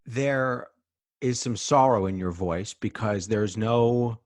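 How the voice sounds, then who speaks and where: A man's voice: lowish voice, slow, a little mellow, no echo, clean studio sound. A man hosting an interview podcast who works as a TV news reporter, asking conversational questions with some restarts.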